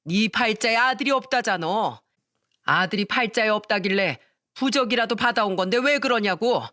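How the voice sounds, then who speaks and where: A woman's voice: a little high, normal speed, sharp tone, dry recording, studio quality. A woman voicing an elderly, superstitious mother-in-law who nags and wails in a storytelling radio drama. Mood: scolding, wailing. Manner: nagging, wailing complaints. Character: elderly shaman-obsessed mother-in-law, shrill and scolding.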